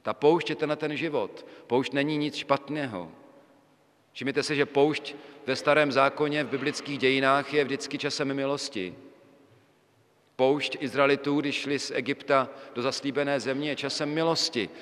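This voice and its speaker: A man's voice: medium pitch, steady tone, a bit bright. Man preaching in a reverberant church. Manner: conversational preaching with fillers and tag "jo". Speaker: priest. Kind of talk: sermon.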